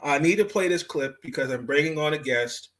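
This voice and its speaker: A man hosting a sports podcast in casual, unscripted talk, halting and repeating phrases as he goes. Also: fairly high pitch, animated, fairly bright tone.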